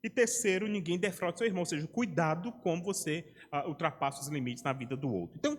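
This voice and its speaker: A man's voice: a little high, fast. Middle-aged man, Ceará accent, pastor delivering a conversational sermon in a reverberant church hall. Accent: Brazilian Portuguese, Ceará. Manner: conversational preaching, acting out little dialogues. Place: church sanctuary.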